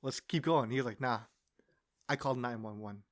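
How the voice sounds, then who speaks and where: A man co-hosting a podcast, telling his side of a story in casual chat, often quiet and mumbly. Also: medium pitch, brisk. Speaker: podcast co-host.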